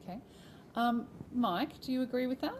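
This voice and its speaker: A woman's voice: fairly high pitch, animated, moderate pace, slight background noise. A woman moderating a live panel, addressing the audience and putting questions to the speakers. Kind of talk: live event hosting.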